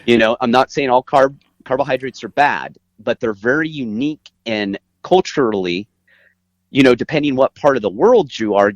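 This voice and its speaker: Lower-pitched man explaining things, dry sound. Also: dry recording. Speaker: guest author. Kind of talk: conversational interview explanation. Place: inside an RV.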